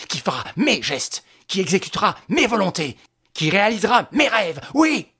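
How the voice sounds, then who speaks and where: A man voicing a raging, mocking gentleman thief in an audiobook, shouting and laughing with scorn. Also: fairly high pitch. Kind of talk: audiobook character voice.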